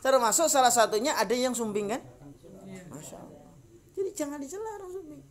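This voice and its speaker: Male preacher, Javanese accent, animated and jokey, echoey outdoor pickup. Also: extremely high pitch, fairly quick. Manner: jokey, acts out little dialogues, laughs often. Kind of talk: relaxed Quran study talk to an elderly group. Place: outdoor park gathering.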